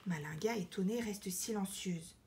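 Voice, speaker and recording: A woman reading a children's picture book aloud in an expressive, measured way. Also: mid-range voice, slight background noise. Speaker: storyteller.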